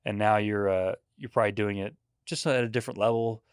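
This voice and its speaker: A man's voice: lowish voice, fairly even intonation, a little fast, clear, resonant tone, dry recording, studio quality. A man in his forties, a podcast guest chatting casually, who tells rambling stories and laughs often. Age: 40s. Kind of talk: casual chat.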